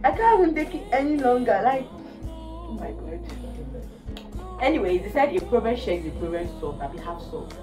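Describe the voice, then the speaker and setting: A young woman with a Nigerian accent vlogging at home, ranting about a hard week with exasperated, animated talk. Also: on the high side, moderate pace, faint music behind. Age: young adult. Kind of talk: casual vlog rant. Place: indoors, living room. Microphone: phone camera.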